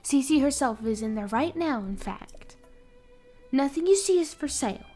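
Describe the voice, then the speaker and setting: A woman's voice: high voice, animated, moderate pace, dark tone, soft background music, voice pushed up. A woman doing a gracious young shop hostess. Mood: courteous. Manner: sweet, apologetic and courteous. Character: gracious young woman guarding a fashion exhibit.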